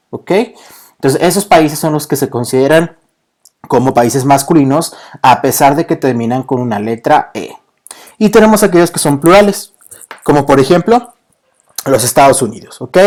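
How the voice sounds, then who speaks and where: A man's voice: on the high side, darkish tone. A man teaching a beginner French lesson, patiently explaining and peppering his talk with "ok". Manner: patient, says "ok" constantly.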